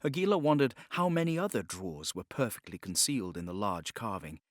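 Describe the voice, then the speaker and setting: A man narrates dramatic fiction for an audiobook, his fairly low voice animated while still measured, solemn, and carefully scripted. It's a close, dry recording without room sound or echo.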